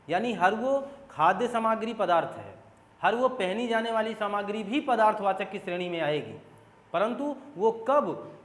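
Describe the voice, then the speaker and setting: A man's voice: sits high, a bit bright. A man teaching an exam-prep grammar lesson, explaining step by step, repeating key points and putting questions to his students. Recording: echoey room with long reverb.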